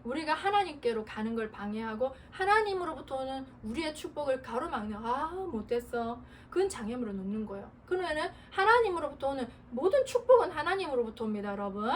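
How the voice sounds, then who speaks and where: A woman's voice: high voice, big pitch swings, fast talker, few pauses. A woman pastor delivering an earnest Sunday sermon, sometimes laughing as she acts out prayers. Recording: distant mic with faint noise.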